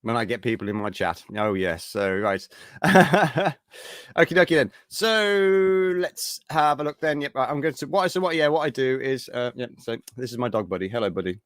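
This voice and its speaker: Brief: British man, live-stream host, mid-pitched, upbeat and rambling, dry close sound. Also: lively intonation, normal speed, fairly bright tone, dry recording. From Britain. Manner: upbeat, rambling, many fillers. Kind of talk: casual live-stream chat.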